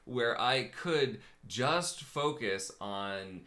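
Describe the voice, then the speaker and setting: A man in his thirties, a coach co-hosting a casual live talk, speaks extremely slowly in a mid-range, expressive voice with a bright, forceful tone. He comes across as thoughtful and hesitant, with frequent fillers and restarts.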